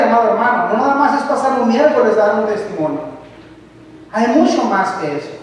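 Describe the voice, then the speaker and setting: A man's voice: very high-pitched, slight background noise. A man preaching a conversational sermon in a church, often asking the congregation direct rhetorical questions. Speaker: lay preacher. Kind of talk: conversational sermon with personal testimony. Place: church sanctuary. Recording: distant mic in a reverberant hall.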